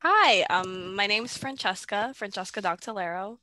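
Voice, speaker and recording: A woman's voice: medium pitch, moderate pace, pushed and bright, dry recording. A woman in her twenties from the Philippines, a podcast guest talking casually over a video call, hesitant with many fillers and restarts, giggling between thoughts. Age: 20s.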